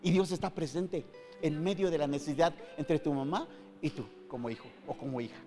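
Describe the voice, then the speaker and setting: A middle-aged man preaching a sermon as pastor, emphatic, swinging between loud and hushed with many rhetorical questions. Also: fairly high pitch, a little fast. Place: church hall. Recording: long hall reverb with faint guitar.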